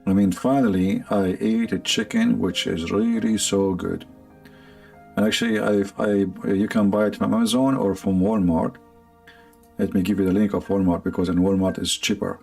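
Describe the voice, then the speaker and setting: A low, gravelly voiced man with an Arabic accent hosts a casual stream, rambling and sarcastic, breaking into laughs. Faint music plays behind him. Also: fairly even intonation, normal speed, darkish tone. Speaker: livestream host. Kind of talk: casual joking monologue.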